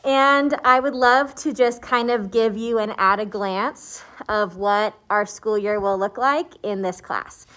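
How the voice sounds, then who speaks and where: A woman's voice: medium pitch, a little slow, few pauses, a bit bright, clean tone. A woman teacher speaking through a face mask, giving an upbeat, informal welcome presentation to families in a classroom. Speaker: high school English teacher. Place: school classroom.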